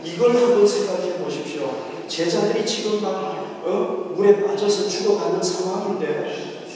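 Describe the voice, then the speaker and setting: A man's voice: high-pitched, normal speed, a little mellow. A male pastor giving an emphatic sermon in a church hall and putting questions to the congregation. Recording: echoey hall from far off.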